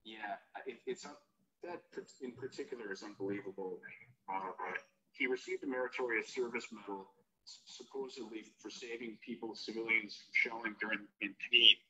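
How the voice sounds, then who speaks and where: A man calling in, heard through a phone on speaker, talking in a halting, indignant way with many fillers. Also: fairly low pitch, steady tone, sharp tone. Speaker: guest calling in. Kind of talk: casual recounting on a live stream. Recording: dull lo-fi phone sound.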